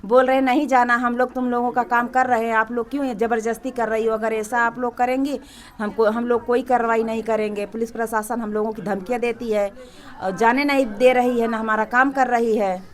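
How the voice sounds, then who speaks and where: A woman's voice: on the high side, fairly even intonation, brisk. A woman with an eastern Uttar Pradesh accent, a grieving family member, describing what happened and pleading for justice in an interview. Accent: Bhojpuri-Awadhi eastern Uttar Pradesh. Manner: grieving, wailing lament then earnest complaint. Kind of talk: interview about a local crime case.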